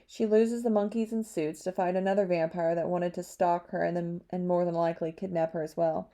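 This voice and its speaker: A woman's voice: fairly low pitch, fairly even intonation, brisk, dark tone, lightly acted. A woman voicing a foul-mouthed defiant vampire woman. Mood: angry. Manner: cursing, sarcastic and defiant.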